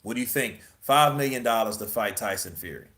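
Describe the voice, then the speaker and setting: A man's voice: fairly low pitch, brisk, a bit bright. A man hosting casual boxing commentary, emphatic and profane, firing off rhetorical questions. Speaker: boxing news host.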